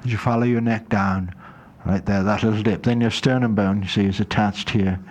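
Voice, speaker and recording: A man's voice: lowish voice, fairly even intonation, a little fast, a little mellow. A man talking as a spiritual teacher, guiding an exercise in an emphatic, instructive way. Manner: emphatic, instructive, slips into dramatized voices. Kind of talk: guided spiritual exercise talk.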